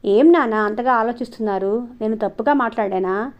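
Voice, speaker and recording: A woman's voice: a little high, brisk, darkish tone, lightly acted. A woman voicing a thoughtful, polite teenage son who reasons earnestly with his parents.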